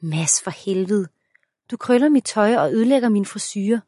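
A woman's voice: medium pitch, expressive, warm tone, dry recording, studio quality, close to an everyday voice. A woman voicing an exasperated young mother who is trying to hurry her husband, speaking impatiently and pleadingly.

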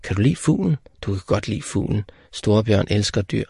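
A man's voice: lowish voice, lively intonation, gravelly, warm tone, breathy edge, no echo, exaggerated voice. A man reading an audiobook, voicing a teasing, bossy young girl in a raised voice. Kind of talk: audiobook character voice.

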